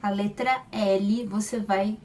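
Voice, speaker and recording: A woman teaching Spanish pronunciation, modeling each sound slowly and repeating it loudly. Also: medium pitch, steady tone. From Brazil. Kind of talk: slow, deliberate pronunciation lesson. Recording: voice slightly far from mic, faint room noise.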